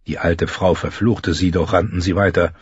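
Narrator with a low husky voice, measured scripted fantasy reading, dry dull sound. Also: male voice, no echo. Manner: measured, even storytelling. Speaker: audiobook narrator.

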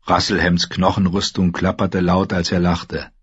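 Slow, husky male narrator. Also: sits low, completely flat delivery, dry recording, lo-fi sound. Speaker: audiobook narrator. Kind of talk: scripted narration.

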